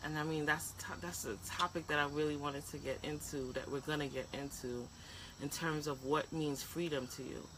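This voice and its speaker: A woman co-hosting a casual live-stream chat, frank and animated, ranting with quick asides. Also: sits low, background noise. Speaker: co-host.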